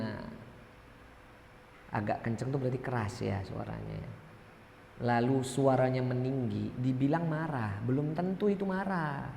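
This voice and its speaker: In the echoey, long-reverb hall of a large mosque, a Medan Indonesian ustadz from North Sumatra preaches to his study circle, joking and posing questions in a conversational way. His voice is mid-range, creaky and slightly mellow, with a little hiss or hum on the recording.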